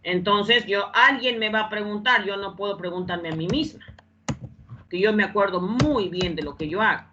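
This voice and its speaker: A woman's voice: medium pitch, moderate pace, pushed and bright, muffled recording, slight background noise. A woman teaching English in Spanish in an online class, repeating phrases and often checking that students follow.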